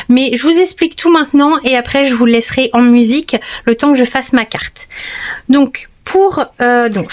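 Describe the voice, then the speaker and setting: A woman talking casually through a card-making tutorial from her craft table at home, chatty and hesitant, with many fillers and restarts. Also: high voice. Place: craft table at home at night, under a lamp.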